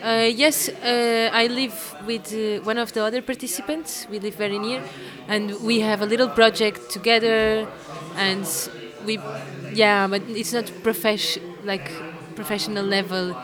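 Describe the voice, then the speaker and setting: A woman's voice: on the high side, steady tone, unhurried, few pauses. Woman, hesitant amateur musician being interviewed, chatter in the background. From Portugal. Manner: hesitant, many fillers and restarts. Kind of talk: casual interview answers. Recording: crowd chatter behind.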